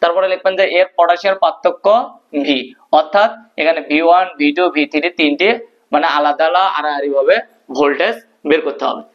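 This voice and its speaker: A man's voice: fairly high pitch, fairly even intonation, a little fast. A male teacher explaining a physics proof at a board, asking questions and answering them himself. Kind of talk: physics lesson at a whiteboard. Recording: dull lo-fi recording.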